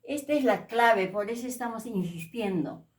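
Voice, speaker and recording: A woman teaching a language lesson, pronouncing each word slowly and repeating it for learners. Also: fairly high pitch, expressive, recorded from a distance, slight background noise. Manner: slow, deliberate pronunciation with drills. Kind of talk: slow spoken language lesson with repeated words.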